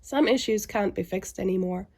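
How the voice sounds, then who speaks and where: A woman's voice: medium pitch, normal speed, a little mellow. A woman sounding under the weather and weary, narrating a scripted vlog with frustration.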